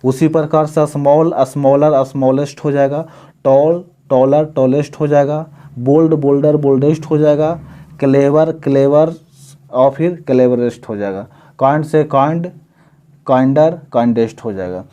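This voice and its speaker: A man's voice: a little high, dark tone. A man from India, teaching an English grammar lesson and reading word lists out one at a time. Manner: explains slowly, reads word lists out one by one. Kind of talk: classroom-style grammar lesson.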